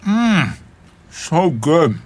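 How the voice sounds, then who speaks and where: A young pop star home with his parents in an audio drama. He talks slowly, sheepish and defensive, and his pitch moves lively. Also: breathy edge, exaggerated voice.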